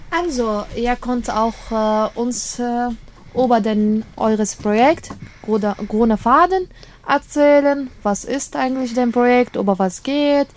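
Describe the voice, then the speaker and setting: A woman hosts a studio interview with a slightly high voice. She speaks slowly and haltingly and searches for her words. Her questions come in short, loose fragments. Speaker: host. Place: radio studio.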